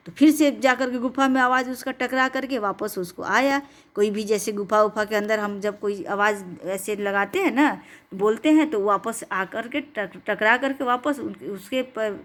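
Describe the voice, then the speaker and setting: A woman's voice: mid-range voice, normal speed, a bit bright. A woman narrating a bedtime story in a casual, chatty way, with restarts and explanatory asides.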